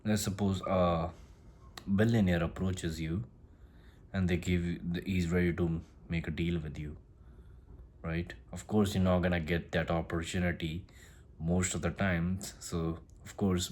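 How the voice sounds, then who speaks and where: Here a self-improvement vlogger, not a native English speaker, talks through casual motivation in a low, slightly mellow voice. He keeps a measured pace with little pitch movement and frequently circles back to repeat or restart what he's saying.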